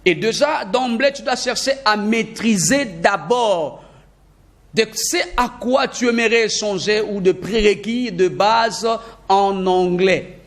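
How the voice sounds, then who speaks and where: A man with a high voice gives an energetic video lesson as an English teacher. He repeats key phrases for emphasis and slips into English sentences now and then. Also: slow.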